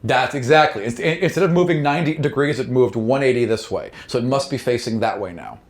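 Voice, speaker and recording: A fast-talking man with a medium-pitched voice runs a tabletop fantasy game, switching between vivid narration and relaxed table chatter. Music plays beneath his voice.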